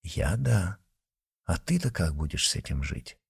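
A man voicing a resolute young cavalry officer who speaks low and steady in an audiobook. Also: unhurried, vocal fry, slightly rough, full character voice. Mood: grim.

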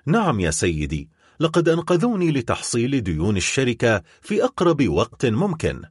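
A man's voice: mid-range voice, wildly swooping pitch, a little fast, slightly rough, dry recording, studio quality. A man doing a formal English creditor's agent.

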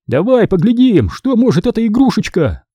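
A cocky teenage boy eggs everyone on, as a man reads him. The voice is pitched high and bounces around, with a dark, husky edge. It is heard close and dry. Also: normal speed, dry recording, lo-fi sound, full character voice. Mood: excited. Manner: cheeky, excited.

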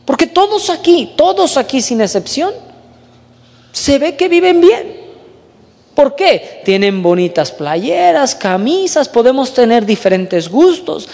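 A man's voice: very high voice, big pitch swings, unhurried, vocal fry, a little mellow, big-room sound. A man preaching a sermon, earnest and often checking in with his listeners. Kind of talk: sermon with retold story.

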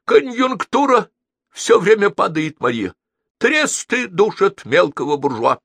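A man playing an elderly foreign consul in an audiobook, speaking in a creaky, effusive old voice. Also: high-pitched, sing-song, a little slow, a bit bright, no room sound, clean studio sound, pitched above the performer's own voice, heavily acted. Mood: plaintive.

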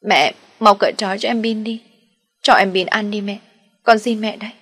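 A woman's voice: mid-range voice, steady tone, moderate pace, fairly bright tone, voice pushed up, natural voice. A woman voicing a desperate wounded young boy who pleads and insists, in an audio story. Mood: pleading.

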